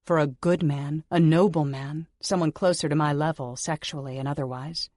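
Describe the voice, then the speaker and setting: A woman reading a first-person audiobook in an intimate manner, sometimes dropping into soft whispers. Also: sits low, steady tone, moderate pace, no echo, clean studio sound. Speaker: audiobook narrator. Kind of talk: scripted first-person narration.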